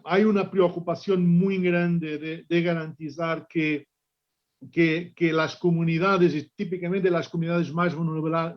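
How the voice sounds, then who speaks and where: Male conference speaker, native Portuguese, accented Spanish blended with Portuguese, fairly high voice, halting repetitions, slightly dull audio. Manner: mixes Spanish with Portuguese words and grammar; halting, repeats words while searching for phrasing. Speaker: conference speaker, business executive. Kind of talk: unscripted conference presentation.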